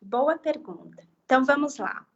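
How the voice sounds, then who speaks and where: A woman speech therapist as a guest on a live health talk, explaining gently and often adding tag questions. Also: sits high, expressive, normal speed, slightly rough, lo-fi sound.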